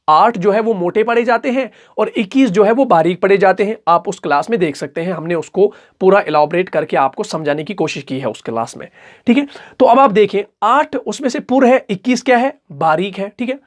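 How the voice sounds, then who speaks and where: A man giving a recitation lesson for an online class, patient and methodical. He sounds out each example word slowly and carefully, then pauses to ask if the listener is following. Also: high-pitched. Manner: stretches example words out slowly, checks in with "okay?" often. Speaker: Quran recitation teacher.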